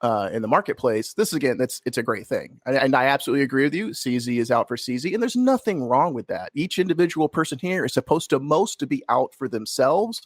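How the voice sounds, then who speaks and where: A man's voice: medium pitch, animated, fast talker, hardly any pauses, no room sound. A man with a mid-range voice co-hosts a casual podcast. He rambles, restarts his sentences and leans hard on his points. The sound is dry and close. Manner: rambling, emphatic, frequent restarts. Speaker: podcast co-host.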